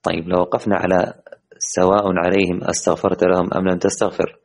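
A man with a very low, deep voice teaches an online Quran recitation lesson to women. He asks his students questions and praises their answers. When he recites examples, he slows down and draws out the words. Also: level tone. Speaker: tajweed teacher.

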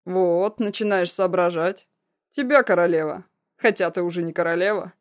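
A woman's voice: on the low side, normal speed, natural voice. Woman reading as a menacing blackmailing young man. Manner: loud, threatening, mocking. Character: menacing young male ex-fiancé, blackmailing and cruel.

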